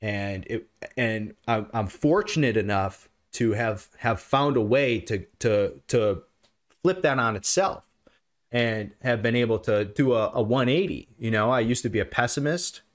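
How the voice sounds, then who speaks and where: A man guest, a personal trainer, talking earnestly and emotionally, with many halting restarts. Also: mid-range voice. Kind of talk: interview guest, earnest talk.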